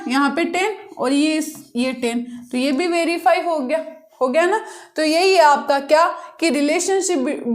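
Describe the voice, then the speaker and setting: A woman maths teacher, teaching a class at the board. She keeps asking the class questions and answering them herself. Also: high voice. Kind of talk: classroom lesson explaining problems.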